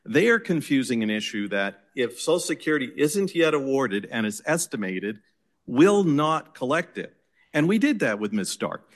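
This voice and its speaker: A man with a Boston accent, an attorney making an oral argument before appellate judges in a measured, insistent way. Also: a little high. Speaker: attorney arguing an appeal.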